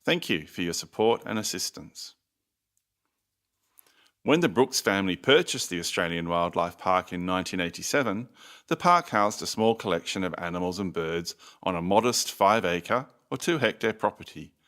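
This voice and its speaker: A courteous recorded information-line message in a low man's voice. The delivery is formal and measured, with a lively rise and fall as it promotes a visitor attraction. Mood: courteous, informative. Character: recorded phone message announcer for a wildlife park, man, courteous. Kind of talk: scripted recorded phone message, informational announcement.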